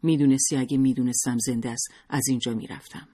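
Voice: medium pitch, steady tone, mellow, husky, dry recording, studio quality, faint music behind, natural voice. The audiobook narrator voicing a frightened young wife with a trembling voice. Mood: shaken.

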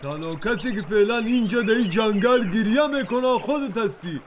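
A man with an Afghan Dari accent voicing a kindly, drowsy elephant who calms a lost rabbit. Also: sits high, a little hiss or hum. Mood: reassuring. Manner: gruff at first, then patient and reassuring. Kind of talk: children's cartoon voice acting.

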